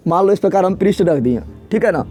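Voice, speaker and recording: In this classroom physics lecture, the man's high, mellow voice moves fast with lively intonation, and faint music plays behind him. His style is repetitive call-and-response, with questions to students and key words repeated again and again.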